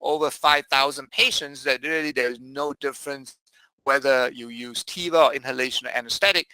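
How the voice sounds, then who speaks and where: Bright-voiced man giving a medical lecture. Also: medium pitch, steady tone, clear, resonant tone, no echo, low-quality recording. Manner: measured, with frequent "uh" fillers. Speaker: anesthesiologist lecturer. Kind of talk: medical presentation.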